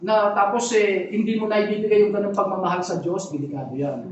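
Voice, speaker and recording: Man, pastor, sermon, chatty asides to the congregation, high voice, distant mic, echoey church hall. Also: steady tone, fast, darkish tone, muffled recording, slight background noise. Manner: conversational preaching with frequent asides to the congregation.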